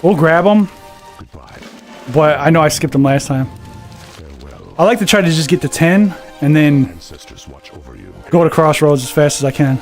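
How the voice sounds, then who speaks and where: A man with a fairly high voice chats casually on a live game stream from his home gaming setup, out of breath from walking on a VR treadmill. He reads viewer comments aloud and talks back at a measured pace, pausing often, with faint music behind him.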